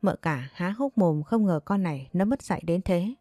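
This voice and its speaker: A woman's voice: fairly low pitch, expressive, normal speed, mellow, no room sound, studio quality. A woman narrating a dramatic family story and voicing each character's lines herself.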